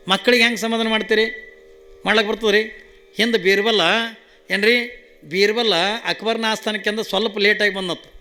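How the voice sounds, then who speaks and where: A man with a North Karnataka accent, telling comic folk stories in a playful, animated way and acting out each character. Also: high voice. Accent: North Karnataka Kannada. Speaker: comic storyteller. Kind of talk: folk comedy storytelling.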